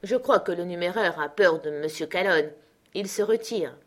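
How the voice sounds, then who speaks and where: Une lectrice qui fait parler un avocat fauché et narquois, ami de l'oncle. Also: female voice, fairly low pitch, normal speed, lightly acted. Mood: wry. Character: sly, penniless lawyer friend, a man.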